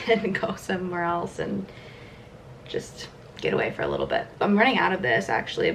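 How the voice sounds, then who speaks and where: Chatty young woman with vocal fry. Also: mid-range voice, slight background noise. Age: 20s. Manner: chatty, many "like" fillers. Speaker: vlogger. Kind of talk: casual vlog chat during a makeup routine.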